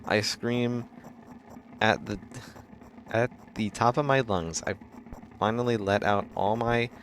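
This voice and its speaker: A man streaming a game, reading its narration aloud in a halting way, stumbling and correcting himself, now and then breaking into loud dramatic shouts. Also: lowish voice, fairly even intonation, a little hiss or hum. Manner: halting reading with frequent restarts and self-corrections.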